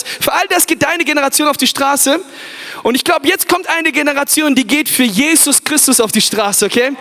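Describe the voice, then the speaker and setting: A young man, a youth pastor, giving an animated, hype sermon to a live audience in a large hall, with restarts and English fillers. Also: very high-pitched. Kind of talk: energetic sermon. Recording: echoey hall.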